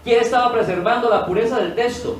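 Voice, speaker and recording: A man's voice: extremely high pitch, a little fast. A male pastor teaching a sermon, asking the congregation questions and answering them himself, repeating key words for emphasis. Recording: echoey room, voice from a distance, faint ambience.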